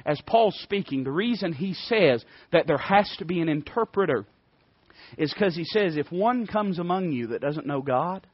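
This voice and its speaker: An animated Appalachian preacher with a highish voice delivers a passionate, folksy sermon at a moderate pace, pressing his points with rhetorical questions. The audio sounds dull but has no echo.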